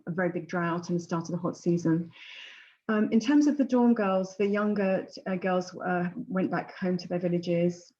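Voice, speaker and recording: Older female presenter, hesitant, soft-edged mellow tone, slightly dull call audio. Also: on the low side. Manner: halting, hesitant. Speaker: presenter at an online charity event. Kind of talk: unscripted spoken update. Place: plain room indoors. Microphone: video call. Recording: dull video-call sound.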